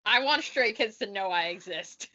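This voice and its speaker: A woman's voice: medium pitch, animated, moderate pace, pushed and bright, no room sound, dull audio. A woman in her twenties co-hosting and editing a podcast, blunt and teasing, swearing casually. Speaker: podcast co-host and editor. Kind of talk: casual chat.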